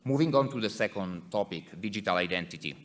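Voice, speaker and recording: A man with an Italian accent giving a conference presentation in English as an executive, speaking haltingly and repeating words. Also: on the low side, expressive.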